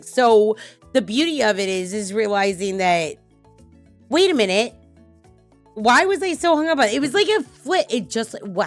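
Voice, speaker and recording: A middle-aged woman hosting a casual podcast, talking bluntly and swearing freely as she tells personal stories. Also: medium pitch. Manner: blunt, swearing, animated storytelling. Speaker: podcast host.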